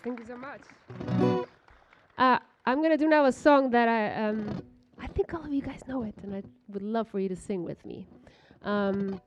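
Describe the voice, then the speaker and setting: A woman from Guatemala with a Guatemalan accent, a singer and guitarist speaking to an audience between songs in a halting, heartfelt way with restarts. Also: fairly high pitch, a little mellow, slight background noise. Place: large indoor reception hall. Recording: dull sound with guitar music behind.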